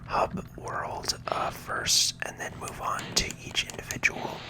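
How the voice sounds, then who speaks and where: A game channel host delivers ASMR commentary in a soft, breathy whisper. They stay hushed and unhurried while explaining the play.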